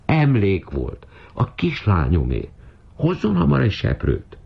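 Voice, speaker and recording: A man voicing a shrill, nagging middle-aged housewife in a radio reading of a novel, on a dull old radio recording. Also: wildly swooping pitch, vocal fry, husky, full character voice. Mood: scolding. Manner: scolding, shrieking.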